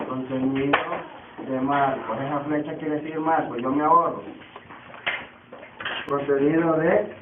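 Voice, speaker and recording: High-voiced male teacher quizzing his class. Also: steady tone, measured pace, long pauses, very noisy. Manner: repeats key terms, quizzes the class. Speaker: Bible institute teacher. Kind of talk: classroom lecture. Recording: tinny, echoey distant classroom recording.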